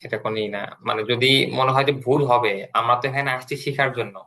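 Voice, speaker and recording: A man teaching an English class over an online call. His voice is bright and forward at a medium pitch. He explains step by step and repeats words so the students can follow. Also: fairly even intonation, quick pace, poor audio.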